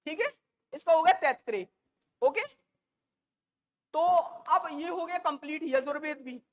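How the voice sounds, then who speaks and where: A woman teacher lecturing a class, repeating and dictating key terms slowly and addressing the students affectionately. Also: sits high. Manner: calls students "beta" and "bachche".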